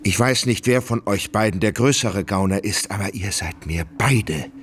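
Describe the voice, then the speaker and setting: An actor playing a gentle, idle landowner in a radio play, speaking mildly until roused to indignation. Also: male voice, lowish voice, lightly acted. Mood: indignant. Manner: slow, mild, then indignant. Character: idle gentle landowner Oblomow, slow to anger.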